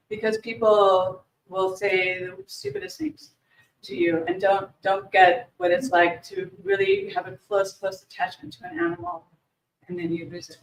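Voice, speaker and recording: A woman leads a workshop in a conversational way, her pitch rising and falling freely as she restarts and repeats words. She speaks to a live audience in a meeting room. The mic sits far from her, so her voice carries room echo. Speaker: grief educator leading a workshop. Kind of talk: informal workshop presentation. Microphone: distant room mic.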